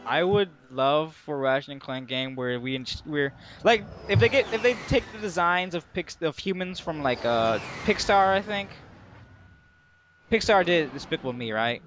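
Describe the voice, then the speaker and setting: A young man chatting casually while commenting on a video game, rambling and excitable. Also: a little high, normal speed. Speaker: let's play commentator.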